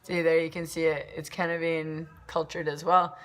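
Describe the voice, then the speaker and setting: A woman's voice: sits low, little pitch movement, normal speed, recorded from a distance. A woman coach chatting casually in a vlog, rambling and laughing easily, with a mild concussion. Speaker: volleyball coach vlogger. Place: at home, kitchen pantry. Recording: echoey room, off-mic.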